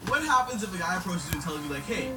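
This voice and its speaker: A man presents a scripted YouTube video intro, repeating earnest warnings and asides to his viewers in a high, rapid-fire voice with big pitch swings. The clip is played from far off under loud music, with heavy background noise.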